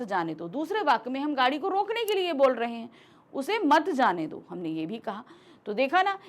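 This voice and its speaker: A woman's voice: high-pitched, a bit bright. A woman teacher explaining a grammar lesson step by step, acting out example sentences as she goes.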